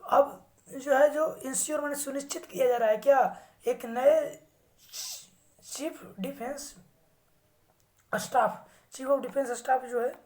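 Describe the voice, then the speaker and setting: A woman teaching English vocabulary who reads English sentences slowly with an Indian accent and then explains them in Hindi. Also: high voice, fairly even intonation, darkish tone. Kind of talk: slow English vocabulary lesson.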